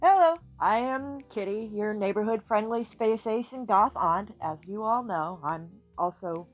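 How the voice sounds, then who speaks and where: A woman's voice: mid-range voice, lively intonation, unhurried, soft background music. A woman in her thirties co-hosting a podcast, chatting in an upbeat, jokey way. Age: 30s. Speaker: podcast co-host. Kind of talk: casual podcast chat.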